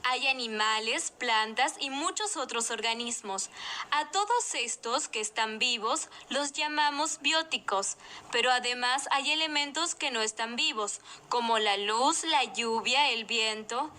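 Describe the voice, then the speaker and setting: Bright, high-voiced explainer for children. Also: female voice, unhurried. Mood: patient, explanatory. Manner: explanatory, clearly phrased. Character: knowledgeable woman explaining nature to a child. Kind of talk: scripted educational video dialogue.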